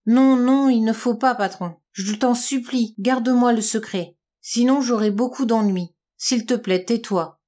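A woman's voice: fairly high pitch, a little slow, few pauses, dark tone. A woman reading a shy, timid young servant woman who speaks hesitantly and pleads. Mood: frightened, pleading.

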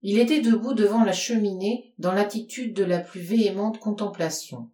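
A woman narrating a classic novel aloud in a measured storytelling manner. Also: mid-range voice, mellow. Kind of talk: audiobook narration. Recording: roomy echo.

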